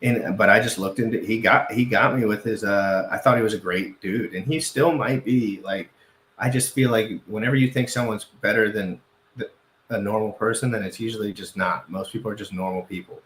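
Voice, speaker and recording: A man's voice: on the low side, fairly even intonation, brisk, a bit bright, reverberant, slight background noise. A man hosting a casual crypto livestream, rambling and correcting himself, often repeating phrases for emphasis.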